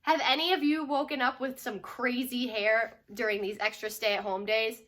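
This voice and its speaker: This storybook reading comes from a woman with a slightly high voice at normal speed. Like a teacher, she reads expressively, hitting repeated key words and asking her listeners questions.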